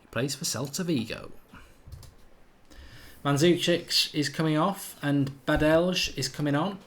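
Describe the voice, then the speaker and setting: A man with a slight Irish accent hosts a live football watchalong, chatting, thinking aloud and reading out viewer comments. His voice is on the high side and a bit bright, with a measured pace.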